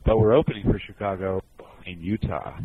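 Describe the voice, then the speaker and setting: A man's voice: low voice, lively intonation, brisk. A man in a band reading out fan questions and answering with dry jokes. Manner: dry, joking. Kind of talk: casual Q&A chat. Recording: tinny phone-like line with noise.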